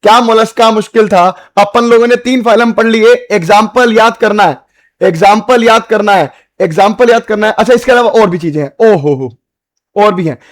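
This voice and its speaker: A man's voice: high-pitched, fairly quick. A man teaching biology for exam prep in speech, repeating key points, checking that students follow, and using playful memory tricks. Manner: repetitive, checks understanding, playful mnemonics.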